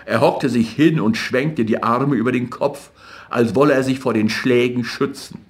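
A man reading literary fiction aloud as an audiobook narrator in a measured, even way. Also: medium pitch.

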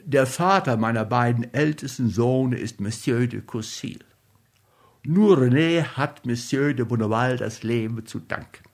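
A man reading a literary story aloud in a measured, solemn manner. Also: mid-range voice. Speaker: narrator.

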